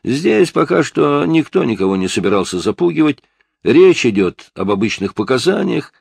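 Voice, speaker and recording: A calm, patient police detective in an audiobook, questioning steadily with a low, gravelly voice that moves freely up and down. A man reads him out. The recording is dry and close. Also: normal speed, no echo, full character voice.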